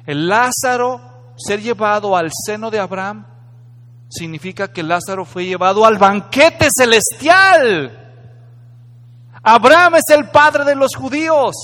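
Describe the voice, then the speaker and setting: In a bright, high voice with a crisp edge, a man delivers a sermon, dramatic yet conversational, posing questions to his audience. He speaks a little slowly with lively intonation, and long reverb carries his words through an echoey hall.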